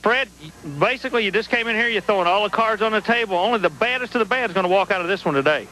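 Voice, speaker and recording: A man's voice: sits high, rapid-fire, bright, forceful tone, a little hiss or hum, low-quality recording. A man working as a pit reporter, doing hyped trackside interviews at a motorsport event.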